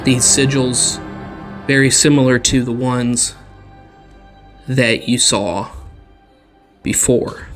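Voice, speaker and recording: A man narrating a tabletop game as dungeon master in a slow, deliberate storytelling manner. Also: medium pitch, fairly even intonation, over music.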